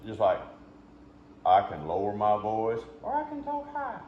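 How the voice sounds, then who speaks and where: A folksy man teaches duck calling in a casual, hands-on style. His pitch sits in the middle, and he speaks plainly. The sound is muffled and roomy, with some background noise. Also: wildly swooping pitch, measured pace.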